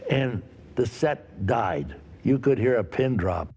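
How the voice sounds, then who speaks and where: An older man being interviewed tells animated stories from a film set. He acts out the shouting with energy, at a medium pitch. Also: slow, husky.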